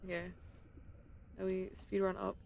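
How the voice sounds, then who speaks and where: Casting: woman streamer, gravelly fry, frustrated swearing self-talk while gaming. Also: mid-range voice, monotone, a little slow, darkish tone, a little hiss or hum. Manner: talks to herself, frustrated, swears a lot. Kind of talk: casual gaming commentary.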